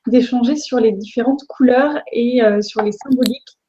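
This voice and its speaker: A woman's voice: a little high, normal speed, dark tone. A woman hosts a live interview, accommodating her guest and recapping for the audience. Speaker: interviewer and host. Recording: slightly muffled lo-fi sound.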